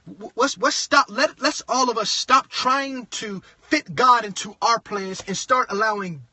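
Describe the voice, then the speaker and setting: Man, bright tense voice, frustrated preachy rant, repeats himself, dry close car sound. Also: high-pitched, no room sound. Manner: blunt, frustrated, repeats words and restarts. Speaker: preacher sharing advice on a livestream. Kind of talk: impassioned preachy monologue. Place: inside a parked car.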